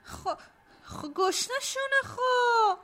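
A woman voicing a softhearted young boy in an audio story, with a whiny, pleading way of talking. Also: high-pitched, lively intonation. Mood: tearful.

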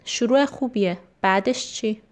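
A kind father, soft-spoken and concerned. A woman narrator reads his lines. His questions are gentle rather than stern. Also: a little high, close to an everyday voice. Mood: caring.

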